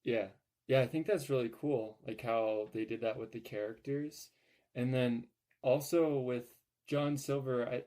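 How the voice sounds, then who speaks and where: Young man, mellow podcast host. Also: medium pitch. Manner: rambling, upbeat, lots of fillers. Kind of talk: casual podcast chat.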